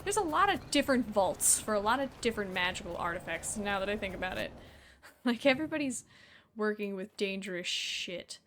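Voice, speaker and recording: A woman's voice: medium pitch, big pitch swings, brisk, fairly bright tone. A woman streamer giving casual, giggly gaming commentary and swearing freely.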